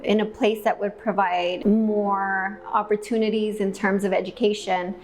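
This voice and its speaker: A woman's voice: mid-range voice, level tone, normal speed, a little hiss or hum. Articulate American woman. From United States. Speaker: interviewee. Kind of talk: personal storytelling.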